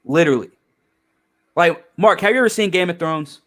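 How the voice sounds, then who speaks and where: A man's voice: on the high side, animated, normal speed, fairly bright tone. A man hosting a casual film review chat, talking in an emphatic, rambling way with frequent restarts and swearing. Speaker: podcast host.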